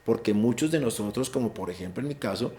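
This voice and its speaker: In an online session, a man with a Colombian Spanish accent coaches students on an English exam, going over the rules and repeating the main points. His voice is lowish and mellow, and he talks fast. He explains things, restarts and repeats words, and puts weight on his key advice.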